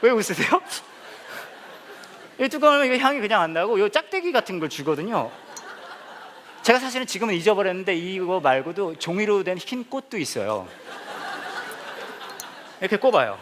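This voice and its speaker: Male pastor, comic preacher, higher voice swinging widely, playful storyteller with bursts of exclamation. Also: sing-song, a little fast, pauses often, a bit bright, slight background noise. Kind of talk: humorous sermon. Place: church hall with a laughing congregation.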